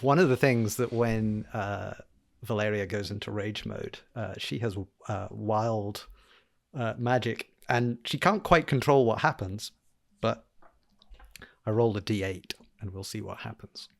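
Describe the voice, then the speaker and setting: A man chatting casually as a tabletop game player, haltingly thinking aloud about his moves. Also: lowish voice, creaky.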